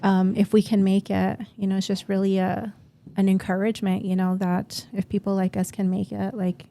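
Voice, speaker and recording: A woman guest on a podcast, telling a story in a chatty, animated way and acting out the quotes. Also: medium pitch, moderate pace, creaky, a little hiss or hum. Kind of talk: casual storytelling chat.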